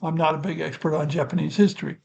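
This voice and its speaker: Older man musing, higher-pitched voice. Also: fairly even intonation, quick pace, vocal fry, darkish tone, husky, highs cut off. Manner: rambling and thoughtful, self-correcting asides. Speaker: channel host. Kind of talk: unscripted explanatory talk.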